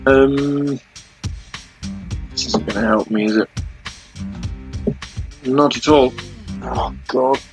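A man's voice: mid-range voice, fairly even intonation, takes it slowly, pauses often, soft background music. A man in his thirties hosting an internet radio show, rambling chattily with lots of ums and restarts. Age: 30s. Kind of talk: casual chat.

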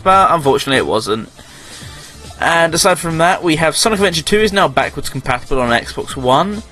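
A man with a bright, forceful, fairly high voice hosts a casual radio news roundup. He rambles, corrects himself mid-sentence and slips in dry sarcastic jokes. Faint music plays behind him. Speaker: radio show host.

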